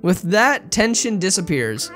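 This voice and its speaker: A person reading visual novel narration aloud in a somewhat halting way. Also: medium pitch, sing-song, a bit bright, faint music behind. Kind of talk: live read-aloud of visual novel script, narration and dialogue.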